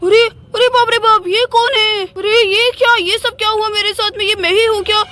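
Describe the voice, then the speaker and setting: A woman's voice: extremely high pitch, moderate pace, pushed and bright. A woman voicing an older man, a grumpy and confused father, in a comic family skit, blustering in bewildered exclamations. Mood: shocked.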